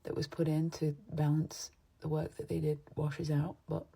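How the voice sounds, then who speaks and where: Husky, low-voiced English woman with a partly Americanized accent. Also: completely flat delivery, moderate pace. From England. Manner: chatty and digressive, drops to soft asides. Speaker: makeup vlogger. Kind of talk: rambling casual chat while doing makeup. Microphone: phone camera.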